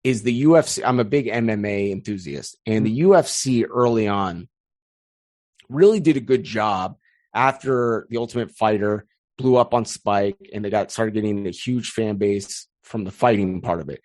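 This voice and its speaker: A man in his thirties, a podcast guest, chatting casually and telling lively stories with frequent restarts. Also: lowish voice, moderate pace, no room sound. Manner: storytelling, energetic, frequent restarts. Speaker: podcast guest, content strategist. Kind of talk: casual interview chat.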